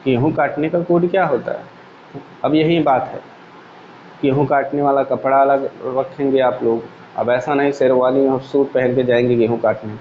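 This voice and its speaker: A man's voice: medium pitch, steady tone, moderate pace. Male teacher, step-by-step explanations, dull recording, faint background hum. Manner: explains step by step with everyday examples, asks the class questions. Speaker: computer teacher. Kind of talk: classroom lecture. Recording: echoey room, dull lo-fi sound, faint hum.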